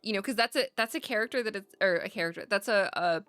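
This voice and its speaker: A woman with a bright, forceful voice talks casually in a podcast chat. She rambles, laughs often and tags her points with questions. Faint music plays behind her. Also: mid-range voice, fast talker, smooth, no echo. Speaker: podcast co-host.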